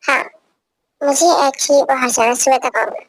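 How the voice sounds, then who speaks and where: A woman's voice: high-pitched, measured pace, dry recording. A young woman voicing a possessive, domineering young husband who gives orders in an amateur fan dub. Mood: coaxing. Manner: commanding, repeats orders.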